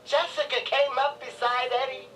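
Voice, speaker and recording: An actor voicing an excitable young male cartoon rabbit, narrating a storybook read-along in a high, wild, lisping voice. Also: normal speed, recorded from a distance, a crowd in the background. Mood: excited.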